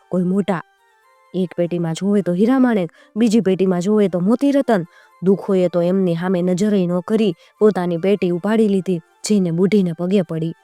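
A woman's voice: fairly low pitch, warm tone, no room sound. Woman telling a folk tale. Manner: rhythmic, sing-song storytelling, raising her voice for characters. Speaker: storyteller. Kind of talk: folk tale narration with character voices.

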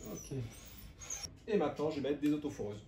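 An animated DIY channel host, a man in his forties, explains each step of his project in a plain, matter-of-fact, casual way. His voice runs on the high side and a little fast. He's in an indoor home room by the windows, and the distant mic captures echo and background noise.

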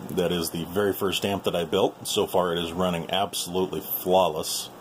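On a handheld camera in a small room, a man gives viewers a folksy, casual look around his workshop as a video host and radio hobbyist. His delivery is flat and low-pitched at a normal pace, with some hiss or hum underneath.

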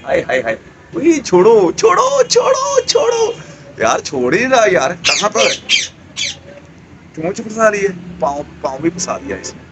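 Lively high-voiced young man vlogging pets. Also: moderate pace, background noise. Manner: excited, chatty, coaxing the animals. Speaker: pet vlogger. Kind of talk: casual home pet vlog.

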